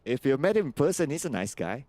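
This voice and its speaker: A man's voice: medium pitch, very animated, fast, darkish tone, no room sound. A man co-casting an esports event, teasing his partner in casual banter. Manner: teasing, playful quizzing. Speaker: esports caster.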